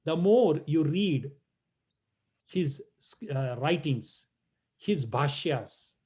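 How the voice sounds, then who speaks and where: A man's voice: on the high side, animated, drawn-out words, a little mellow. A man giving a playful talk to children over a video call, teasing and chanting verses. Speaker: guest speaker.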